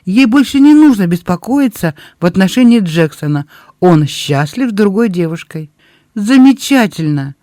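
A man narrating an audiobook in a steady, expressive storytelling way. His voice sits high for a man. The sound is dry and close, with no room around it. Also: moderate pace, no echo. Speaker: audiobook reader. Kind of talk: scripted narration.

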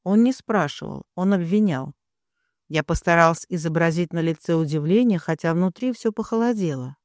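A woman reading a first-person romance novel aloud in an even, measured manner. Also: on the low side, dry recording, clean studio sound. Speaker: audiobook narrator.

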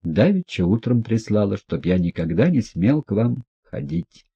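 A man voicing a meek, gentle young prince who speaks softly, earnestly and patiently. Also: lowish voice, very animated, normal speed, husky, muffled recording, full character voice.

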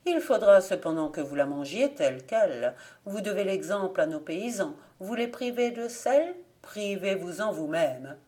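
A woman's voice: medium pitch, expressive, moderate pace, few pauses, dark tone, lightly acted. Duchess Anne, a woman playing a mocking noblewoman. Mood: firm. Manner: firm and mocking.

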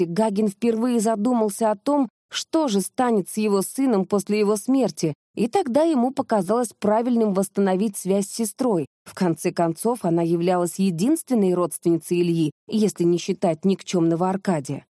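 A woman voicing a sharp-minded woman investigator who calmly lays out a case in a close, dry studio recording. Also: medium pitch, normal speed, few pauses, dry recording, lightly acted. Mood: explaining. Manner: calm, reasoned explaining.

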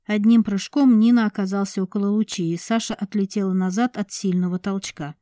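A woman reads an audiobook in calm, measured narration. Her tone is dark and mellow, and the close recording is dry with no room sound. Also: mid-range voice, dry recording. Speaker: audiobook reader. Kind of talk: scripted narration.

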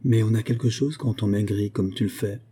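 A man's voice: on the low side, brisk, dark tone, breathy edge. A man voicing an impulsive, affectionate young princess who is anxious for her friend, with an eager, exclamatory delivery. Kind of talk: audiobook character voice.

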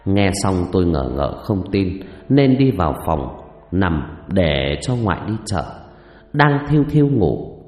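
A man narrating a first-person ghost story in an expressive, dramatic way, with roomy reverb and music behind. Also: low-pitched, takes it slowly.

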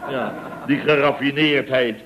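Smug and amused, a man voicing a conceited Dutch contractor in a vintage radio comedy brags and blusters, tripping over repeated words and laughing at his pretend outrage. His natural, mid-pitched delivery is a little slow with fairly even intonation, and the recording is muffled.

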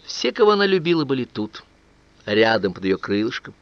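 A man narrating a literary novel as an audiobook reader, in a calm, measured, expressive manner. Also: mid-range voice. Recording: dull, dry, lo-fi studio recording.

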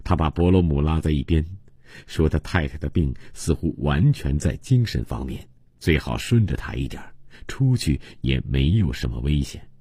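A man narrating a translated novel for radio in a measured, even storytelling manner, close on a studio microphone. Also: a bass voice, breathy edge, no room sound. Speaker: audiobook narrator.

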